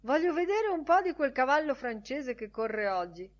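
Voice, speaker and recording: A man's voice: very high-pitched, sing-song, moderate pace, muffled recording, pitched above the performer's own voice. A woman voicing a pushy, restless middle-aged male gambler who fires off jerky questions in an audiobook. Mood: pushy eager.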